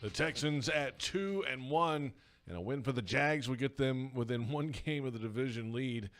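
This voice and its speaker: A man's voice: medium pitch, moderate pace, fairly bright tone, faint music behind. An American man hosting a sports pregame show on the radio.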